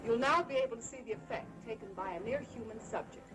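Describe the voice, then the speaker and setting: An actress playing a cold, confident mad scientist in an old horror film, speaking in a clinical, imperious, deliberate way. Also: female voice, on the high side, music in the background, lightly acted, poor audio. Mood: commanding. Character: cold, confident female mad scientist breeding obedient slaves.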